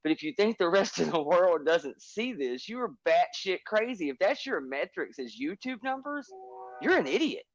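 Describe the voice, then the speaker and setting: A man on a livestream panel rants hard in a heated chat, emphatic, profane and lecturing. His voice is high and sing-song at a normal speed. The recording is dry, with dull lo-fi stream audio.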